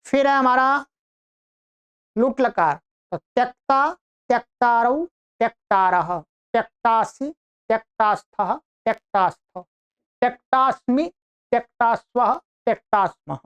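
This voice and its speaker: Slow, clear woman reciting verb forms. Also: a little high, lo-fi sound. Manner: recites conjugations in a slow, measured list. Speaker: Sanskrit teacher. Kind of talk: online grammar lesson, reciting verb forms.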